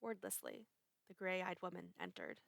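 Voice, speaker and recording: Gravelly-voiced woman reading a dark tale. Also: on the low side, no echo. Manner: measured, expressive storytelling. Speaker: narrator. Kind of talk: dramatic reading of a short story.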